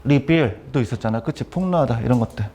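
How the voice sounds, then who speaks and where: A middle-aged man lecturing on vocabulary and grammar, repeating key terms and quizzing students with quick questions. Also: mid-range voice, lively intonation, mellow. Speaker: academy director teaching vocabulary.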